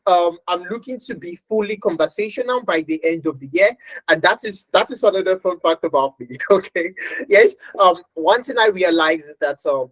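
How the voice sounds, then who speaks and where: A woman's voice: on the low side, no echo, rough recording. Chatty woman teaching a live online class. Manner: laughs often and checks in with "okay?". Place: home workstation.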